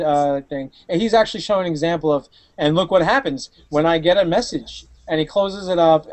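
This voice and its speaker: A man hosting a tech show, joking loosely and excitedly as he comments on videos. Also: a little high, dry recording. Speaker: podcast host. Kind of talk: casual chat commenting on videos.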